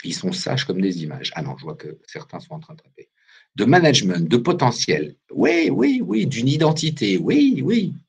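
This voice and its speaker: A man's voice: medium pitch, wildly swooping pitch, moderate pace, breathy edge. A man presenting a business webinar as a recruiter, talking animatedly and putting questions straight to his listeners over a video call microphone. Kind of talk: lively business webinar talk.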